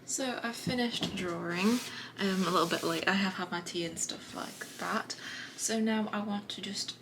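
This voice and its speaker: A woman chatting casually in a writing vlog from her desk at home, relaxed and full of little fillers and restarts. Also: mid-range voice, normal speed, loud music behind the voice. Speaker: writing vlogger.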